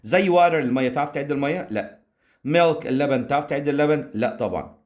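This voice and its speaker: A man with an Egyptian Arabic accent teaching an English grammar lesson, asking questions and answering them himself in a lively way. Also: a little high, fast. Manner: lively, asks and answers his own questions.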